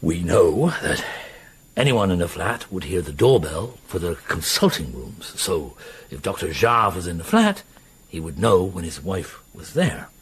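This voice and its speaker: An actor playing a patient, perceptive police inspector in a radio drama, hesitant, avuncular and probing. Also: male voice, sits low, sing-song, measured pace, breathy edge, full character voice. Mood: measured, deliberate.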